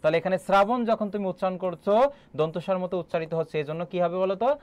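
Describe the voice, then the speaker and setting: A man's voice: sits high, fast talker, a little mellow, no echo. A young man teaching an online exam-prep class, quizzing students and repeating key answers, with frequent filler sounds.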